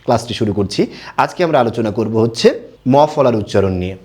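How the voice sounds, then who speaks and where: A man from Bangladesh teaching an online grammar lesson, who keeps asking quick questions and then answers them himself. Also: mid-range voice, expressive, darkish tone.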